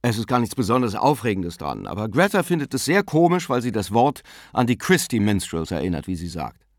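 Grown nephew, measured and faintly irritated, voiced by a male audiobook reader; dry close sound. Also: a little high, very animated, a bit bright, dry recording, pitched above the performer's own voice. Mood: annoyed. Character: slightly annoyed grown nephew, man.

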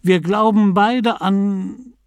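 A man's voice: on the high side, animated, a little slow, darkish tone, no room sound, pitched above the performer's own voice. A man reading an earnest, pious middle-aged Dublin man who speaks a little hesitantly.

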